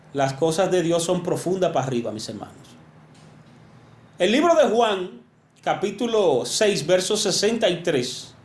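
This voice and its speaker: A man's voice: sits high, darkish tone, reverberant. A man preaching a sermon, earnest and emphatic, rising and falling as he makes each point.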